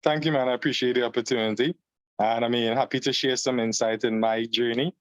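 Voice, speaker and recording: A young Trinidadian man tells his story as a podcast guest, easygoing and conversational, with filler words along the way. His voice is dry and a little dull, as over a video call. He sits at a middle pitch. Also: a little fast, dry recording. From Trinidad and Tobago. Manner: relaxed storyteller, fillers, "long story short". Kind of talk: conversational interview.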